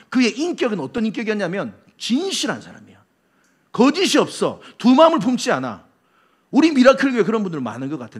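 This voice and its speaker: Pastor, man, middle-aged; sermon delivery with wide pitch swings and sudden loud-soft shifts. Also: husky. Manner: animated preaching, acts out quoted lines, swings between loud and soft.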